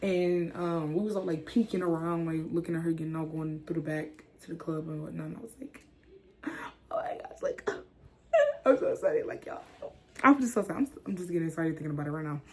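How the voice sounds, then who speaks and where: Animated young woman telling a story. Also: fast talker, few pauses, slight background noise. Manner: animated, acts out quotes with sudden whispers and high squeals. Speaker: vlogger. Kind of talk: casual storytime chat.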